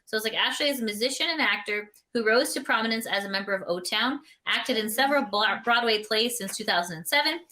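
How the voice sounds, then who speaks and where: Bright-voiced excitable woman co-host. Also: fairly high pitch, quick pace, hardly any pauses, a little hiss or hum. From Canada. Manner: excitable, gushing, easily distracted. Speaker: podcast co-host. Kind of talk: casual chat.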